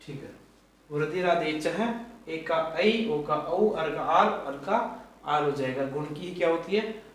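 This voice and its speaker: A man's voice: on the high side, unhurried. A male teacher giving a grammar lesson, repeating points and quizzing the class with questions. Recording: echoey room, mic far off.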